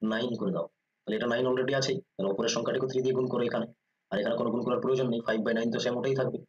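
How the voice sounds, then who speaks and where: Male math tutor, Bengali accent, rapid delivery, keeps checking understanding; muffled lo-fi sound. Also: medium pitch, flat delivery. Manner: quick, repeats "ঠিক আছে?" checks, explains step by step. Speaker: teacher. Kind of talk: exam-prep math lesson.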